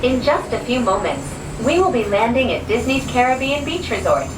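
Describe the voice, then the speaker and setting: A woman making polished, friendly pre-recorded transit announcements, played over a cabin loudspeaker. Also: sing-song, normal speed, distant mic. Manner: polished, friendly, clearly enunciated. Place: inside a moving gondola cabin. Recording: echoey loudspeaker heard from across a cabin. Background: vehicle rumble and ambient noise.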